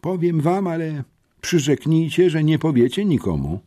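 A man's voice: fairly high pitch, very animated, moderate pace, dark tone, pitched above the performer's own voice. A man reading an audiobook, voicing a nervous, hungry schoolboy who stammers and pleads. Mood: frightened.

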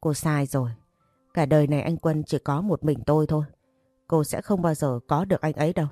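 A woman voicing a frightened but defiant young pregnant woman, in a low, mellow voice. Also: steady tone, fairly quick, no echo, clean studio sound, soft background music. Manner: defiant, pleading.

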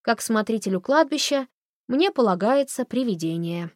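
A woman voicing a blunt, dry-humored woman cemetery keeper, speaking flatly and curtly. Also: a little high, normal speed, no echo, voice pushed up, natural voice. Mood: deadpan. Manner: flat, bored, curt.

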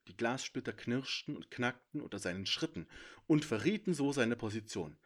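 Casting: male audiobook narrator, measured, lively intonation. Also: mid-range voice. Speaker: author and narrator.

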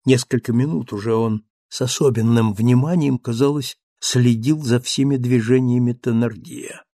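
Gravelly guy reading an audiobook, dramatic and measured, super dry close sound. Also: mid-range voice, fairly even intonation, mellow, no echo. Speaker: audiobook narrator.

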